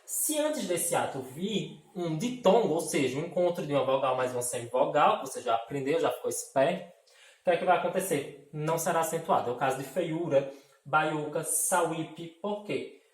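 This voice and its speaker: A man's voice: fairly high pitch, lively intonation, moderate pace. A man with a Brazilian accent teaching a Portuguese grammar lesson, explaining step by step and often checking that the class is following. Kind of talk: grammar lesson for an online course. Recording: roomy echo, mic at a distance.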